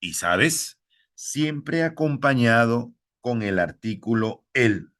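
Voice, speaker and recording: A man's voice: mid-range voice, animated, slow pace, a bit bright. A man with a Peruvian Spanish accent teaching a lesson, addressing fellow teachers and repeating each key point.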